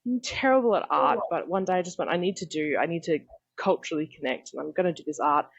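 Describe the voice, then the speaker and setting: Young Australian woman, low-ish voice, chatty guest on dull lo-fi call audio, lots of fillers. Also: fast, gravelly, slightly rough. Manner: chatty, laughing, frequent "um" and "like". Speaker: podcast guest. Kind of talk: casual chat. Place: home room. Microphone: video call.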